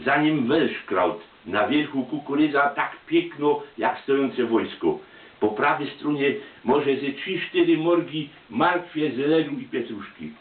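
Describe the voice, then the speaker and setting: A man with a Silesian accent delivers a personal monologue in chatty dialect. His medium-pitched voice comes through thin and boxed in, away from the mic in a reverberant room. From Silesia, Poland. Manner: chatty, colloquial. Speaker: storyteller, amateur photographer. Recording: tinny, roomy, distant microphone.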